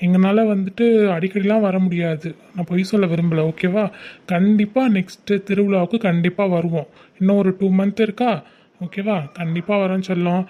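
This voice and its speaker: A woman voicing a young male uncle, a college student, who gently coaxes his niece. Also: medium pitch, steady tone, normal speed, muffled recording, lightly acted. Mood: coaxing. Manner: soothing, coaxing, repeats "okay?".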